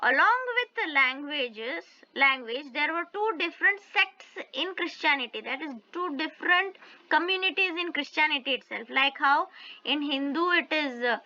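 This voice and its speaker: A woman's voice: sits high, expressive, moderate pace, pushed and bright. A woman teaching an online history lesson, hesitant, with many fillers and restarts. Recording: dull lo-fi recording.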